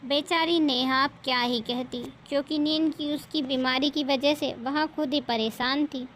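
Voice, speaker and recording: A woman narrating a scripted cartoon story in a plain, steady storytelling manner. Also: sits high, measured pace, a little hiss or hum.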